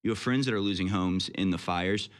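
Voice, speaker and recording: A man's voice: low voice, brisk, clear, resonant tone. A man hosting a radio call-in show, talking in an informal, engaged, conversational way.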